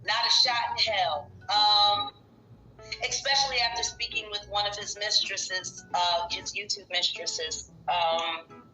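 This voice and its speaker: Woman, chat guest. Bright forceful voice, blunt, emphatic delivery, roomy echoing sound. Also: mid-range voice, fairly even intonation, slow pace, faint music behind. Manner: blunt, emphatic, point-by-point arguing. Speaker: interviewed guest. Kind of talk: casual chat.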